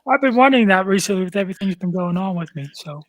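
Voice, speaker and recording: Host asking a bunch of curious questions, mid-pitched voice, dry sound. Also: lively intonation, racing, fairly bright tone, no echo. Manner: curious, asks many questions. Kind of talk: casual chat.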